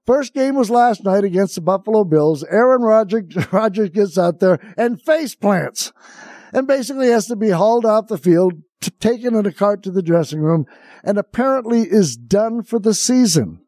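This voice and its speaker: Male radio host, high voice, exasperated comedic rant, rambling political monologue, very dry close sound. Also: animated, moderate pace, a little mellow, dry recording. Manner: conversational, rambling with rhetorical questions and asides. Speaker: radio talk show host.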